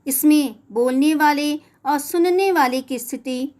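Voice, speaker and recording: A woman teacher with a high voice takes her grammar lesson at an unhurried pace. She sounds out each letter one by one and pronounces every example word carefully. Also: darkish tone.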